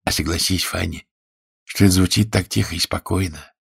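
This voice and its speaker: A man's voice: sits low, a little fast, creaky, slightly rough, exaggerated voice. A man reading a story aloud and voicing a reformed male crook who speaks fondly and coaxingly to his fiancée. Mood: doting. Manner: fond, gently coaxing. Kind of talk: audiobook character voice.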